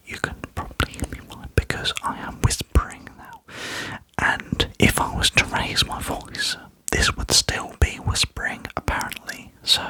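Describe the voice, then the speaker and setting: A man whispering softly into a close binaural microphone, musing aloud and asking the listener rhetorical questions. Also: extremely high pitch. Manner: very soft whisper, sometimes barely audible. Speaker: ASMR creator. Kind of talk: ASMR whispering.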